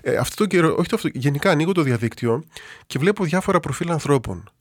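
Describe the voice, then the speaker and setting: A former priest speaks in a raised, fairly high voice, earnest and reflective. He muses aloud and slips into other people's voices when telling stories. The recording is close and dry, with no room sound. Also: lively intonation, no echo. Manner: earnest, musing, acts out quoted people. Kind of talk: reflective conversation with anecdotes.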